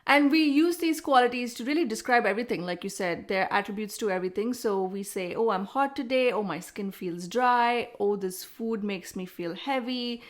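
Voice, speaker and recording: Introducing her wellness podcast and then interviewing a guest conversationally, this host, an Ayurvedic practitioner, speaks at a normal speed with few pauses. Her pitch is fairly high.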